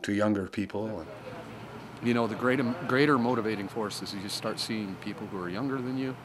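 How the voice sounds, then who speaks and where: A man talking reflectively in a documentary interview, philosophical and halting as he searches for words. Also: on the low side. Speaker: harpist and storyteller. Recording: music or outdoor traffic noise behind voice.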